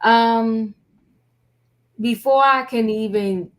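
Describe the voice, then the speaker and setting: A woman's voice: fairly high pitch, extremely slow. A woman hosting a casual panel discussion. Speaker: host.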